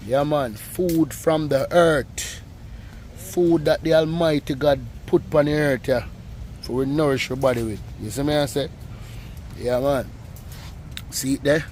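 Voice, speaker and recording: A man with a Jamaican accent hosting an outdoor cooking vlog, chatting in relaxed patois and teasing playfully. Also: a little high, measured pace, a little hiss or hum. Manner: laid-back patois banter, playful teasing. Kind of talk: casual outdoor cooking chat. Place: outdoors beside an open cooking fire.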